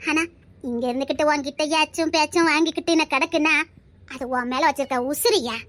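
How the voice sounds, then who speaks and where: A woman voicing a kindly old grandmother with a Tirunelveli Tamil accent, giving soothing, earnest advice in a low-key homemade drama. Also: brisk, a bit bright. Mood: gentle counsel.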